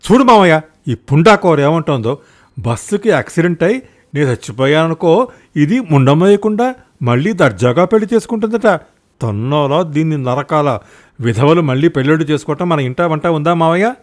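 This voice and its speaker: A man voicing a jealous, hot-tempered village husband who yells at his wife. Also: sits high, lively intonation, pitched above the performer's own voice. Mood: furious. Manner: shouting and quick-tempered.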